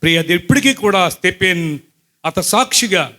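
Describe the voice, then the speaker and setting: A high-voiced man preaching to his congregation, mixing personal testimony with scripture. He tells his story with questions to the listeners and shifts from loud, excited bursts to quiet asides. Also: normal speed.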